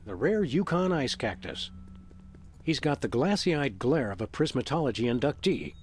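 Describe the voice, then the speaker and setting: A man voicing a deadpan dog detective. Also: medium pitch, normal speed, natural voice. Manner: dry, deadpan quips. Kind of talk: video game dialogue.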